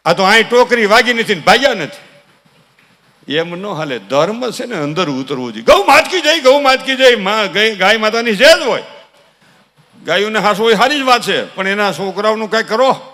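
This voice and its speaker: A man performing a live comedy monologue on stage, preaching and telling stories in an animated way. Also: high-pitched, moderate pace. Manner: preachy, animated storytelling with exhortations. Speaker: folk comedian and dayro performer. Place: live stage before an audience. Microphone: stage PA microphone. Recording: reverberant live stage hall.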